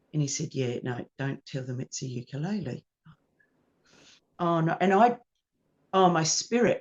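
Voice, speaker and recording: A woman with an Australian accent, a ukulele teacher and performer, telling lively anecdotes in an interview and acting out the quotes. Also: sits low. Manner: animated anecdotes with acted-out quotes. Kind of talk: storytelling in an interview. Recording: dull lo-fi sound.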